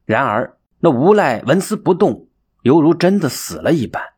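A man narrating a folk tale as an expressive, dramatic storyteller. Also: on the high side, normal speed, breathy edge. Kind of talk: audiobook storytelling.

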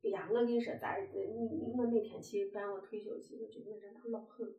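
A woman's voice: medium pitch, fairly even intonation, fast, echoey room, phone-quality sound. A woman in her fifties telling a story in casual chat, chatty and emphatic with frequent exclamations. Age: 50s.

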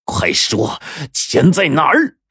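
A man voicing a hot-tempered male gang boss posing as a police officer, shouting in alarm. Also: low voice, brisk, breathy edge. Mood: angry. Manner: shouting, startled.

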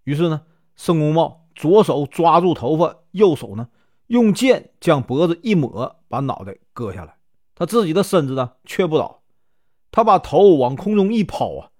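Lively Northeastern Mandarin male storyteller. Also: a little high, no echo, studio quality. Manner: lively, with drawn-out filler particles. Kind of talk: storytelling narration.

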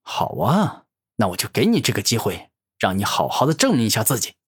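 A man's voice: lowish voice, big pitch swings, brisk, husky. A man voicing an arrogant, furious male monster warlord who growls angry threats in a fantasy audio story. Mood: boastful.

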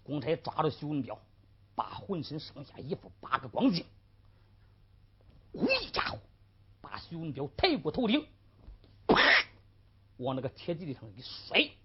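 A woman's voice: sits low, big pitch swings, moderate pace, pauses often, breathy edge. A woman storyteller narrating vividly and addressing the audience directly, on a lo-fi old recording. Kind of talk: traditional storytelling.

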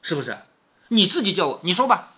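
A man's voice: high-pitched, sing-song, fast talker, pushed and bright, slightly rough. A man reading a classic novel aloud to his daughter, explaining it in a conversational way and asking her questions. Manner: conversational, asks questions of the listener.

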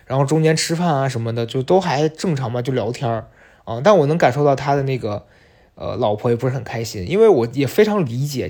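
A man's voice: medium pitch, a little mellow. A young man hosting a podcast, telling a personal story in a chatty, confiding way and speaking straight to his listeners. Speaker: podcast host. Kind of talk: casual storytelling monologue.

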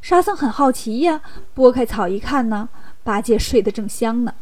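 A woman narrating a classic story for children in a lively, playful storytelling manner. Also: a little high, normal speed, no room sound.

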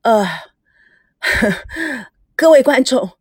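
A woman's voice: sits high, animated, very slow, husky, no room sound, clean studio sound, heavily acted. A woman voicing a young female TV news reporter speaking on air. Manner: announcing on air.

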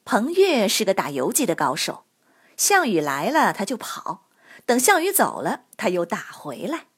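A woman narrating history stories for children in a lively, expressive storytelling manner. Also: mid-range voice, normal speed, breathy edge.

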